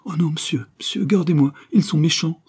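A man reading an audiobook, voicing a frightened little boy who pleads in a high, strained voice. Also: a little fast, darkish tone, slightly rough. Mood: pleading.

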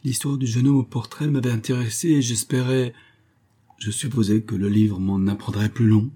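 Brief: male reader voicing a contrite teen boy, hesitant and eager, husky tone. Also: mid-range voice, steady tone, normal speed, mellow, pitched above the performer's own voice, natural voice. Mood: stammering. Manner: stammering, eager questions. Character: shy, contrite thirteen-year-old boy. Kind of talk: audiobook reading.

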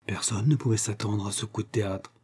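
Male audiobook narrator, dark husky tone, measured reading of a classic novel. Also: fairly low pitch, steady tone.

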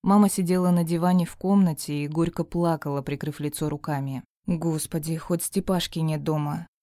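Low, mellow-voiced woman narrator. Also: steady tone, normal speed, no room sound, clean studio sound. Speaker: audiobook narrator. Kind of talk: first-person novel narration.

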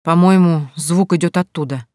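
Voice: mid-range voice, fairly even intonation, normal speed, darkish tone, no room sound, clean studio sound, lightly acted. A reader voicing a young man who leads a lost group, curt and snapping with the others.

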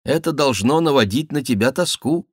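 A man's voice: mid-range voice, expressive, moderate pace, breathy edge, dry recording, clean studio sound, pitched above the performer's own voice. A man voicing a wheedling royal duke in an audiobook, his tone coaxing and ingratiating. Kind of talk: audiobook reading.

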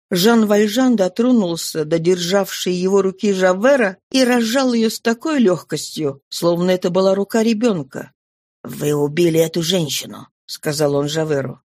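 A woman's voice: medium pitch, a little mellow, no echo, studio quality. A woman narrating a novel as an audiobook, reading expressively and dramatically.

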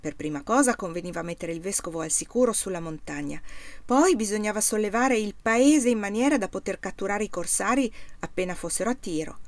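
Female audiobook reader, measured and steady, mid pitch, dry close sound. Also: no echo. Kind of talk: audiobook narration.

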